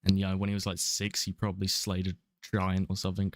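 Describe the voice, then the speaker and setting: A man's voice: sits low, monotone, fast talker, no echo, clean studio sound. A young man in his twenties with a London accent, chatting casually and rambling with chuckles while he streams a game. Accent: London English. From England. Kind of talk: casual live-stream commentary.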